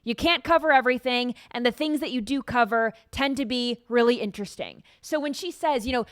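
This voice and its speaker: A woman's voice: fairly high pitch, brisk, fairly bright tone, dry recording, studio quality. A woman hosting a commentary show, talking in a dismissive, emphatic way. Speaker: show host. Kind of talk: opinionated commentary.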